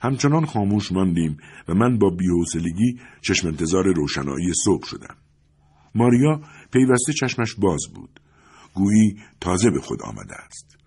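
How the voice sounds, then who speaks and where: Deep husky male storyteller. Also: darkish tone. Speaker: narrator. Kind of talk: audiobook reading of a novel.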